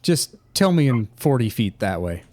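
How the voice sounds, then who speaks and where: A man's voice: mid-range voice, sing-song, moderate pace, a little mellow. A man chatting casually while running a game stream and deciding what to do next. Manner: organizing, decisive.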